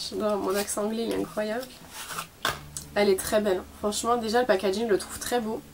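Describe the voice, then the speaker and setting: A young woman showing off her makeup purchases in a relaxed, chatty way. She fills her sentences with hesitations, laughs lightly now and then, and talks like she's catching up with friends from her bedroom. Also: medium pitch, quick pace, vocal fry, noisy background. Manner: chatty, laughing, many fillers. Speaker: beauty vlogger. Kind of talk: casual haul video.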